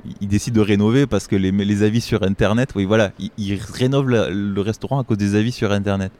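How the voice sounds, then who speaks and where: A man's voice: lowish voice, fairly even intonation, a little fast, a little mellow. A man hosting a film review show, chatting casually in an indignant, rambling way with many restarts. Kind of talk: casual chat.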